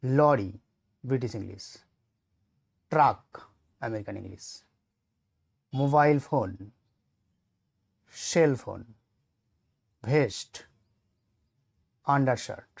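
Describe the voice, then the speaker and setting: A man teaching English vocabulary, patiently listing word pairs in a steady rhythm. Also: mid-range voice, takes it slowly, vocal fry, pauses often, no echo, clean studio sound. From Bengal. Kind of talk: vocabulary lesson for learners.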